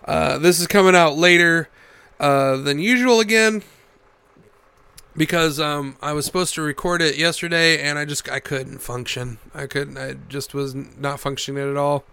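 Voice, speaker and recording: Male podcast host, gravelly and cold-hoarse, slightly high-pitched, halting and candid, casual talk. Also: fairly even intonation, bright, forceful tone. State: hoarse from the back half of a cold.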